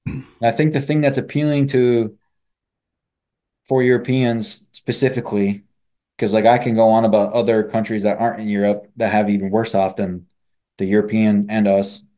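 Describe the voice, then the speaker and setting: Podcast co-host: young guy, lowish mellow voice, loose rambling chat full of fillers and cursing. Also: flat delivery, moderate pace. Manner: rambling, heavy on fillers and swearing. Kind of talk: casual chat.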